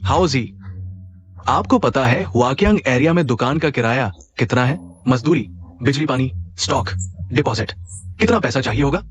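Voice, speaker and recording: A man's voice: mid-range voice, lively intonation, moderate pace, soft background music, close to an everyday voice. A man dubbing a fatherly, persuasive middle-aged shopkeeper in a drama. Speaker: uncle figure and business partner. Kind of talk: dubbed drama acting.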